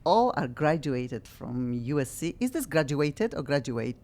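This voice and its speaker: A woman with a low voice hosts an English talk radio show, speaking halting non-native English. She often stops to restart or hunt for a word, and her delivery is sing-song and a little mellow.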